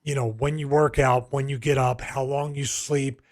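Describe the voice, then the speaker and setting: A man's voice: mid-range voice, little pitch movement, normal speed. Here a middle-aged man with a Philadelphia accent talks through long, meandering stories on a podcast. He speaks in an easygoing, conversational way, restarting sentences often and leaning on fillers as he goes. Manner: rambling, storytelling with frequent restarts and fillers. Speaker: podcast co-host. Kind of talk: casual chat.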